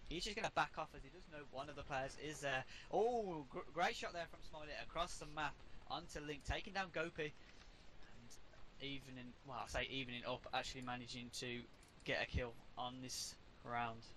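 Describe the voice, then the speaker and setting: A man with a Brummie accent doing play-by-play commentary on a video game match over a headset mic, steady and rising on big plays. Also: moderate pace, a little hiss or hum. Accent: Birmingham (Brummie). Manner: narrates plays steadily, lifting in pitch on big kills. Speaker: esports co-commentator.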